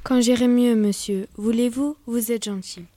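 A woman's voice: a little high, normal speed, a little mellow, close to an everyday voice. A woman voicing a fragile, nervous young opera singer, speaking with a trembling, intense voice. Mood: overwrought.

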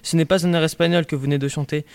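A man playing a curious, easygoing gentleman traveler in a read-aloud drama, polite and measured. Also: on the high side, fairly even intonation, gravelly, clean tone, no echo.

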